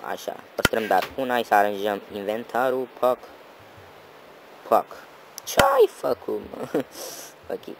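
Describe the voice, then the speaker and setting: A man giving excitable let's-play commentary, swearing and yelling at enemies over loud game music. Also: fairly low pitch, noisy background. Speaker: gaming channel host.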